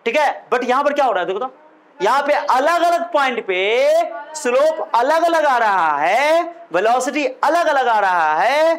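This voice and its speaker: Brief: male physics lecturer, higher-pitched voice, repeats and quizzes. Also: a bit bright. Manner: quizzing questions, repeating phrases. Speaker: physics teacher. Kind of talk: classroom lecture.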